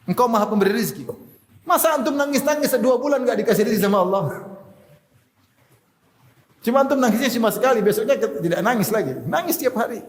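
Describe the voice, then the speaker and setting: A man giving a sermon in a lively, joking teaching manner, now and then acting out prayers. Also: very high voice, a little fast, long pauses, in a large hall. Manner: humorous, lively teaching with jokes and acted prayers. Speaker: preacher.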